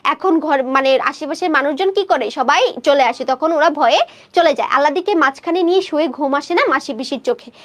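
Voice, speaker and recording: A woman's voice: sits high, brisk, a bit bright. A woman teacher explaining a short story to students in a conversational lecture, asking questions and answering them herself.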